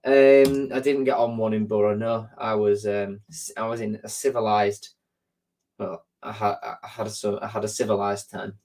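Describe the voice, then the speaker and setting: This male live streamer speaks at normal speed in a fairly low, level, slightly mellow voice, thick with congestion from a sore throat and blocked nose. He reads viewers' comments aloud, replies easily, and meanders with ums and repeated words.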